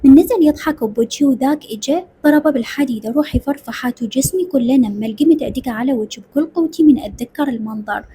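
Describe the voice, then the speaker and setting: A woman's voice: high-pitched, fast talker, hardly any pauses, warm tone, slightly rough. A woman with an Iraqi accent narrating a dramatic story in the first person, emotional and tearful. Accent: Iraqi Arabic.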